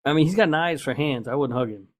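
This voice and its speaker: Co-hosting a podcast, a man with a slightly high voice speaks quickly in casual chat. His manner is blunt, laid-back, and foul-mouthed.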